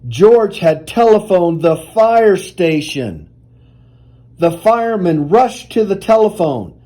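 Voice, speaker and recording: A man reading a children's picture book aloud in an animated, deliberate storytelling manner. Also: high-pitched.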